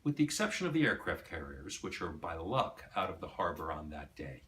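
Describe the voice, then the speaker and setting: A man's voice: deep voice, very animated, fairly quick, a bit bright, slight background noise. A middle-aged man telling a story to a visitor about an item in his collection, acting out the quoted dialogue. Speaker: collector showing his library.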